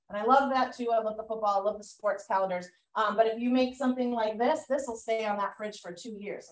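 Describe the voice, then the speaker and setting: A woman with a Boston accent leading a real estate training class, chatty and loose with fillers and restarts. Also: on the high side. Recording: echoey room, mic far off.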